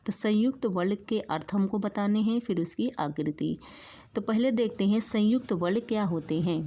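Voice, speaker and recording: Woman teacher going over exam stuff, explains and repeats the main points, mid pitch voice. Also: normal speed, dark tone. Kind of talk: exam-prep lecture.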